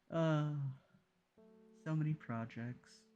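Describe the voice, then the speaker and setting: A game livestreamer with a very animated, swooping voice reads on-screen text aloud and chats casually. Playful exclamations and self-directed murmurs break up the reading, with faint guitar music behind. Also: mid-range voice, lo-fi sound.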